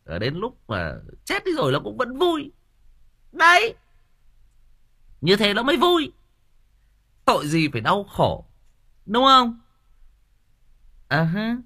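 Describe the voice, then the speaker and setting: A man's voice: sits high, huge pitch swings, slow pace, pauses often, pushed and bright, slightly rough. A man hosting an audiobook livestream in a casual, joking chat, rambling and stumbling over repeated filler words. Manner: jokey and playful, laughs at his own stories. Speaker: audiobook host chatting with listeners.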